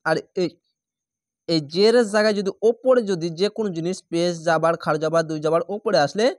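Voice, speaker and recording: A man with a Bangladeshi Bengali accent teaching Quran reading rules step by step, with slow drawn-out recited examples. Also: sits high, no room sound, clean studio sound. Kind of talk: spelled-out Quran recitation lesson.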